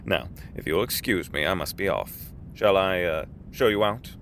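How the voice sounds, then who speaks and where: In an audio drama, a male actor with a deep, fairly bright voice plays a courteous middle-aged executive, avuncular and formal. His phrasing is genteel and deliberate yet animated, with a considering, courteous mood. A little hiss or hum sits under the recording.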